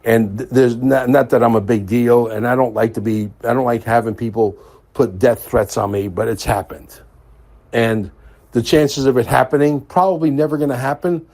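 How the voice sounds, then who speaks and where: A man's voice: medium pitch, fairly even intonation, normal speed, darkish tone. A man hosting a podcast in a casual monologue, emphatic and repeating phrases for stress. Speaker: podcast host.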